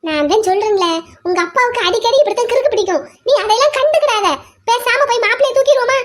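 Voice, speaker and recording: A woman plays a cartoon mother who teases and waves off her family's worries. Her voice is shrill and very high. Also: fast, very noisy. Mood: teasing. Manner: joking, mocking. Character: teasing, dismissive mother.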